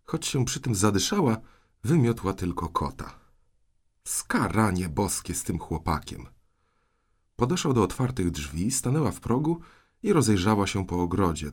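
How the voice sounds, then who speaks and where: A man reading a classic novel aloud as an audiobook narrator, with expressive storytelling. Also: low-pitched. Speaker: audiobook reader.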